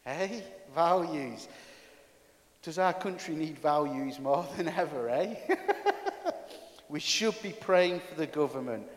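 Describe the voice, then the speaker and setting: A man's voice: a little high, big pitch swings, slow, long pauses. A pastor preaching a sermon to his congregation in a chatty, candid, self-deprecating way, his voice carrying a big hall echo. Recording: echoey hall with long reverb.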